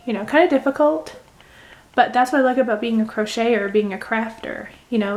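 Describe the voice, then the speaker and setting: A woman hosting a casual crochet tutorial, chatting as she talks through each step. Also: a little high. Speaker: crochet video host.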